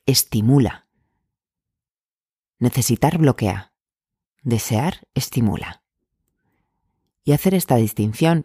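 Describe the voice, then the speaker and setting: Male anxiety coach, gentle and measured, mid-range voice, dry close sound. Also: medium pitch, husky, no echo. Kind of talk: calm self-help advice talk.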